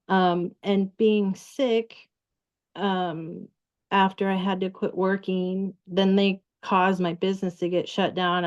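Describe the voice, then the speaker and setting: A woman talking casually as a guest, halting with many fillers and restarts. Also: mid-range voice, dull audio. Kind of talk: casual recorded conversation.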